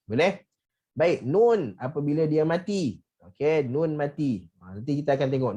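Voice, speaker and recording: A Malaysian man teaching Quran recitation rules in an online class, repeating sample words slowly and clearly for students. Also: a little high, warm tone. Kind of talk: online tajwid lesson.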